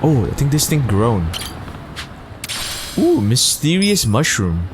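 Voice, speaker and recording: A man gives casual let's play commentary in slangy, profane language. His pitch is lively and jumps around, and there is clear game noise behind him. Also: slow pace. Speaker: gaming video host. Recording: noisy game sound behind.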